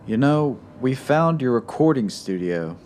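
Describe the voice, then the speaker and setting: A man voicing a cold, stern male interrogator who talks slowly and sarcastically in a story reading. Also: medium pitch, animated, darkish tone, slight background noise, voice pushed up, close to an everyday voice. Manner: slow, clipped, sarcastic.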